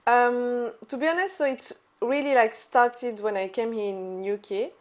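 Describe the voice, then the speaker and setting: A woman's voice: fairly high pitch, a little slow, darkish tone. A young woman, telling her story as an interview guest in a chatty way with many fillers. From born in Algeria, raised in France. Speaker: guest, entrepreneur. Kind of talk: casual conversational storytelling.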